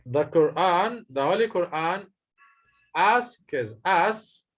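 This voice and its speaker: A man teaching a class, talking slowly and patiently, stopping often to hunt for words as he walks students through each answer. His voice sits a little higher than most men's. He speaks in a classroom with students around. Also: animated. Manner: patient, explains step by step with frequent hesitations. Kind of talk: classroom lesson, questions and answers.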